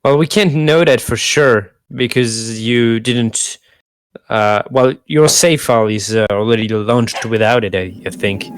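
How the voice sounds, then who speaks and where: A man's voice: mid-range voice, a little slow, smooth, dry recording. A man chatting casually about a game in an easygoing, hesitant way. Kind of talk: casual let's play chat. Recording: faint music underneath.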